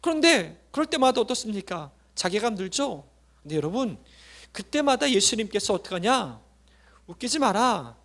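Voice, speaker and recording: A man's voice: high-pitched, very animated, normal speed, creaky, a bit bright. A male pastor preaching a sermon with impassioned emphasis, addressing the congregation directly.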